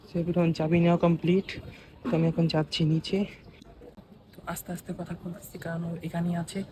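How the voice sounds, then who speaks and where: A man's voice: on the high side, a bit bright, a little hiss or hum. A young man hosting a prank vlog, chatting casually and slipping English phrases into his speech. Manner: rapid, mixes English phrases into Bengali. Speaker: vlogger host.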